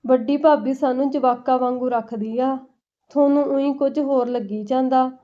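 A woman voicing a hot-headed, protective young man who talks brusquely, in her own high voice. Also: fairly even intonation, moderate pace, close to an everyday voice. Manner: brusque, defensive. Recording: dull lo-fi recording.

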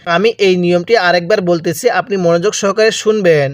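A man's voice: sits high, fairly even intonation, brisk, no echo, clean studio sound. A man teaching Quran reading with a Bangladeshi Bengali accent, patiently drilling letter sounds syllable by syllable for listeners to repeat after him. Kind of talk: slow call-and-repeat recitation lesson.

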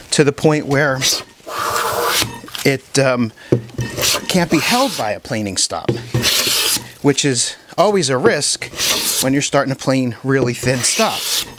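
Demonstrating hand-tool woodworking in his shop, a man speaks at medium pitch over some background noise. His talk is relaxed and casual but halting, full of fillers and restarts.

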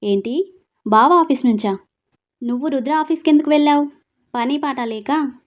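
An angry middle-aged mother grills her daughter in sharp, demanding bursts, voiced by a woman reading aloud. Her voice sits fairly high. Storybook drama. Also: moderate pace, close to an everyday voice. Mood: incredulous.

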